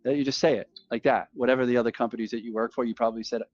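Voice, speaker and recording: A man's voice: mid-range voice, fairly even intonation, very fast, a little mellow, dry recording, dull audio. A man in a casual podcast chat, talking with energy, repeating himself and acting out sales calls. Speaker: guest.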